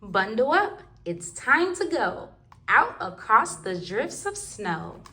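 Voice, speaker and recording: A woman's voice: on the high side, big pitch swings, takes it slowly, pushed and bright. Sing-song woman reading to toddlers. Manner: sing-song, rhythmic read-aloud. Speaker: children's book reader. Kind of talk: reading picture books aloud to toddlers.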